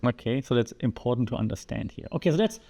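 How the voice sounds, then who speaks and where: A man hosting a podcast, explaining ideas in a lively way and asking the listener rhetorical questions. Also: medium pitch, quick pace, vocal fry. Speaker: podcast host.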